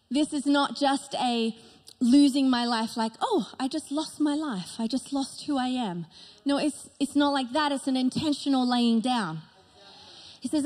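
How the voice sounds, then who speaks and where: Middle-aged lady pastor preaching hard on a big church stage, high voice, handheld mic. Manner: passionate, emphatic preaching, pacing the stage. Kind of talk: sermon. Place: large church stage with live audience. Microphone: handheld microphone.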